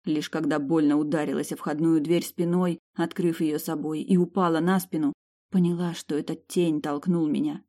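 A woman reading first-person novel narration as an audiobook narrator, in a steady storytelling read. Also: deep voice, moderate pace.

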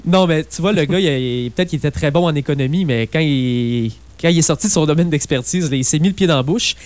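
A chatty man with a Québécois French accent talks politics on radio, his voice sitting a little high for a man. He tells stories in an animated rush, with lots of fillers, and the studio sound is close and dry. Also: quick pace, dry recording. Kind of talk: casual political talk radio chat.

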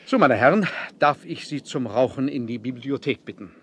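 An actor playing a proud, defiant submarine captain in a 1970s adventure radio play, speaking in a measured, formal, commanding way. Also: male voice, mid-range voice, expressive, fairly bright tone, breathy edge. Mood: courteous, proud. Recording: noisy 1970s vinyl audio drama.

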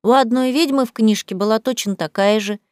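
A woman's voice: on the high side, fairly quick, a little mellow, no room sound, studio quality, natural voice. A woman voicing a shy but cheerful little boy in an audiobook, talking in an eager, earnest, childlike way. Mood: confiding.

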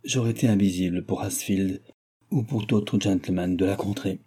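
A man narrating a classic novel in a measured, literary way. His voice sits low, very dark and mellow, with a husky grain. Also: steady tone. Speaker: audiobook reader. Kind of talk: scripted narration.

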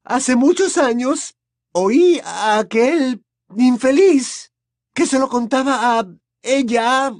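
Dude doing a jittery prim auntie, thin shaky voice, way high. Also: male voice, a little slow, no echo, studio quality. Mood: nervous. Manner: thin, faltering voice. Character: prim nervous middle-aged aunt, woman.

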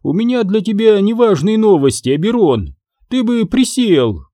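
A man's voice: high-pitched, very animated, moderate pace, warm tone, no echo, clean studio sound, voice pushed up. A man doing a fussy, chatty ghost medium.

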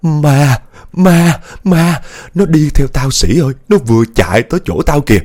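A man's voice: on the high side, expressive, moderate pace, a little mellow, pitched above the performer's own voice. A man voicing a terrified young man whose voice trembles in panic.

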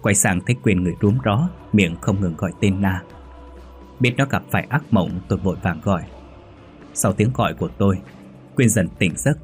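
A man narrating a horror story in a measured, ominous reading. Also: low-pitched. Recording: faint background music.

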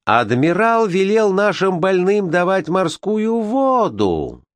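A man puts on furious, thirsty sailors from a storybook. They shout their demands in a high, strained voice, recorded dry and close. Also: sing-song, slow, no room sound, exaggerated voice. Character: angry thirsty crowd of sailors.

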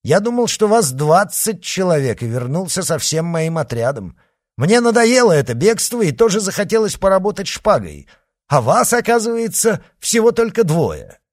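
Brief: a man playing an imperious duke, booming voice, high and lively, storybook style. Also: moderate pace, no echo, studio quality. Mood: scornful. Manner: loud, imperious. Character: commanding noble male duke leading troops.

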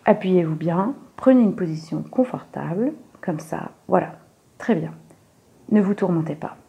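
A cheerful little doctor turned hypnotist, as a woman reader voices him, lulling in a low, soft, monotone murmur for a storybook reading. The tone is mellow and dark. It keeps a calm, even, soothing steadiness. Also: a little slow, creaky, slightly rough, full character voice, rough recording. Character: jovial little round-faced male hypnotist doctor.

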